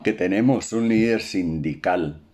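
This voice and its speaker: A man from Costa Rica giving an impassioned political monologue, addressing listeners directly and swinging from low, measured phrases to loud emphatic bursts. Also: a little hiss or hum. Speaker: political commentator.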